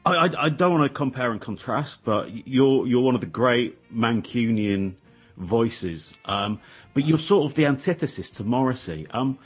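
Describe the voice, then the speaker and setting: A man interviewing casually in a halting, tentative way, often restarting his questions. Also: medium pitch, lively intonation, breathy edge, soft background music.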